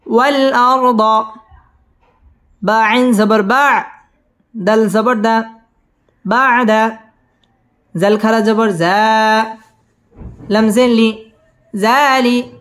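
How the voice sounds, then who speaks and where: A man teaching tajweed. He spells out and slowly chants verses, then explains the rules in quick spoken asides. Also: high voice, a bit bright. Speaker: Quran recitation teacher.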